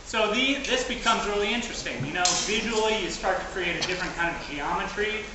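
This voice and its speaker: A man's voice: sits high, quick pace. A man giving a live, instructional demonstration as a fight director, talking to an audience and a partner while physically active. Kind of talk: live stage combat demonstration. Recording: echoey, noisy space, distant mic.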